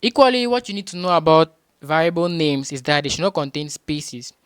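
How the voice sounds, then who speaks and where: A man tutoring beginners in programming, patiently repeating each point and often pausing with hesitations and restarts. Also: fairly high pitch, smooth, no room sound. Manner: patient and repetitive, restates points with rhetorical questions.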